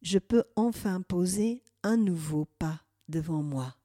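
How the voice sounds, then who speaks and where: Slow, hushed woman narrating a meditative journey. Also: on the low side. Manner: slow, hushed, dropping at times into a whisper. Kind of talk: first-person guided meditative journey. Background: faint music.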